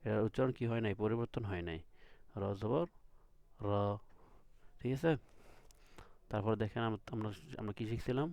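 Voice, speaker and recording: A man's voice: on the low side, moderate pace, creaky, long pauses, darkish tone, no room sound. A man teaching letter sounds to beginners, patiently repeating each sound and checking with questions. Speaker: Quran reading teacher. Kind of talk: recorded lesson.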